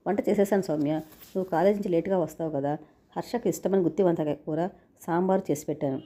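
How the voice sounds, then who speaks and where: A woman's voice: fairly low pitch, fast talker, warm tone, lightly acted. A woman reading the lines of a modest, hardworking young wife in a narrated story. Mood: earnest.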